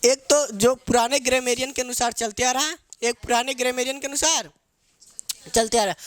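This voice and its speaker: A male English teacher, teaching grammar to a live classroom in call-and-response style and dictating English phrases slowly. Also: very high-pitched, fairly bright tone, no room sound. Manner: call-and-response drilling, asks students to repeat each answer. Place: classroom with students.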